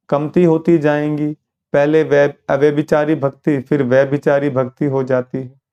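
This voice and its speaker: A man explaining a spiritual lesson as a sermon, steady and explanatory, asking rhetorical questions. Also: medium pitch. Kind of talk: sermon commentary.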